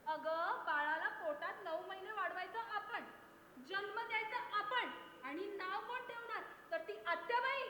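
A woman's voice: very high-pitched, unhurried, pushed and bright, a little hiss or hum, heavily acted. A woman stage actor playing a chatty young village mother in a live comedy play. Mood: gossiping. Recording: echoey hall with audience.

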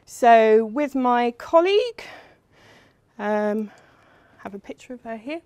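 Woman lecturer from England, middle-aged, slightly high voice, chatty, lots of ums, dry close sound. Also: animated, slow pace, darkish tone, clear, resonant tone, no room sound. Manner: chatty, self-deprecating, frequent ums. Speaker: university lecturer. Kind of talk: academic lecture.

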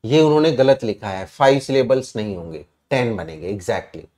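A man's voice: mid-range voice, lively intonation, normal speed, warm tone. A man with an Indian English accent teaching an online exam-prep English class, explaining answers step by step and quizzing his students.

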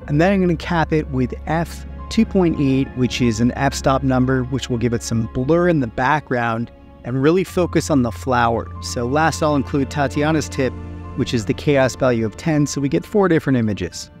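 A man hosting a tutorial, explaining things step by step in a steady way. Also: mid-range voice. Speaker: tutorial host.

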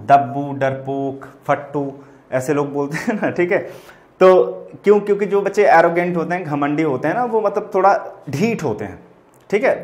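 Teaching vocabulary online for exam prep, a man with an Indian accent and a voice on the high side patiently explains what words mean. He refers to his students as children and spells words out one letter at a time.

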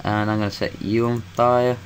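A man's voice: medium pitch, flat delivery, normal speed, a little hiss or hum. A young man gives let's-play commentary, rambling to himself as he plays and swearing freely. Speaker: gameplay commentator.

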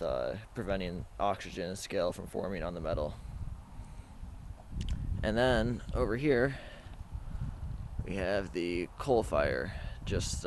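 A man explaining his blacksmithing work step by step, in a plain, halting way with many fillers. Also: low voice. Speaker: hobby blacksmith. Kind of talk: explaining narration over a demo. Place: outdoor backyard forge. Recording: noisy outdoor recording.

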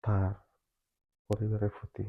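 Reaction host, male, low flat delivery, hesitant and grave, thin tinny sound. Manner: slow, grave and hesitant, with many fillers. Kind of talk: solemn reaction commentary.

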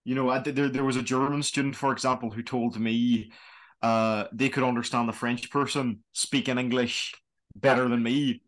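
A man's voice: medium pitch, fairly even intonation, normal speed. A young man with a Donegal Irish accent, chatting casually in a hesitant, rambling way on a video call. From Donegal, Republic of Ireland. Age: young adult. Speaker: student guide, interview guest. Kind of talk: casual chat. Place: small plain room indoors. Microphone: webcam video call.

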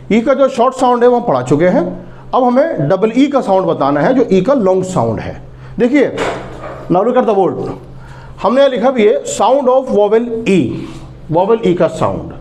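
A man teaches English sounds to his students. He explains with patience, repeats each word and asks questions. His voice sits high and swings widely in pitch. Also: a little mellow. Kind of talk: phonics lesson at a board.

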